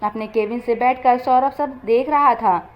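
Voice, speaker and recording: A woman narrating a moral story in a steady, plain storytelling manner, in a dull lo-fi recording. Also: a little high, a little slow.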